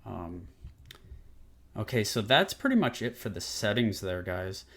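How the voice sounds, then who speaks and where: A man's voice: fairly low pitch, very animated, measured pace, a bit bright. A man casually talking through a microphone test at home, rambling with fillers and moving closer and farther from a desk condenser mic. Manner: easygoing, rambling, lots of fillers. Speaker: tech reviewer. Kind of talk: casual product demo. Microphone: condenser desk microphone, distance changing.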